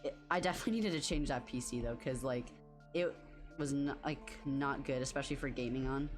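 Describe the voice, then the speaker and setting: A woman's voice: rumbling low, a little fast, soft background music. A young woman streaming as she draws, chatting casually and rambling with lots of fillers. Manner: rambling, filler-heavy talk, reacts to chat. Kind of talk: casual live-stream chat while drawing.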